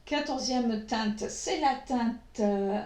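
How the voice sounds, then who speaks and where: A French-speaking woman doing a makeup tutorial, talking slowly with many pauses and fillers. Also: on the high side, darkish tone. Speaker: beauty vlogger. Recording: echoey room.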